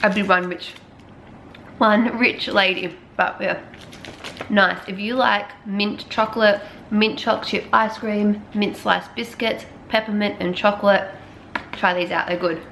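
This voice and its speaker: A young woman chatting casually to camera in her apartment, self-deprecating and relaxed. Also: medium pitch, measured pace, creaky, slight background noise. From Australia. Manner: chatty, self-deprecating, talks with mouth full while tasting. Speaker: lifestyle vlogger. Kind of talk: casual vlog chat. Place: small apartment indoors.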